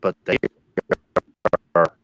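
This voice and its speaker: A man's voice: extremely slow, a little hiss or hum. A man chatting casually on a livestream in a folksy, colloquial way. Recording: dull lo-fi dry sound.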